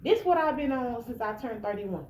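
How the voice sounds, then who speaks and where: A fairly high-pitched but darkish voice, lively in intonation and fairly quick, belongs to an American woman of about thirty-one. She talks straight to the listener in an informal monologue full of blunt, casual, emphatic relationship advice. The room echoes a bit, with faint noise in the background.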